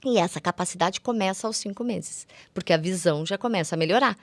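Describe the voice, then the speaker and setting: Quick-paced and mid-range, with no echo, a Brazilian-accented woman speaks as a visiting ophthalmologist. Her explanation for lay listeners is conversational and instructive, marked by emphatic repetition and affectionate diminutives.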